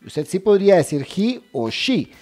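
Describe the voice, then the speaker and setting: A woman teaching English over a shared screen, checking in often with her viewers and saying English phrases slowly and deliberately. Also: on the low side, very animated, darkish tone, faint music behind. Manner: addresses viewers as a group, checks understanding often. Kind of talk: screen-share language lesson.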